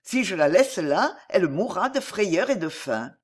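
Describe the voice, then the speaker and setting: A woman voicing a gentle, sad young boy who looks like a bear, speaking softly and sadly. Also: fairly low pitch, big pitch swings, measured pace. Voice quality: soft and sad.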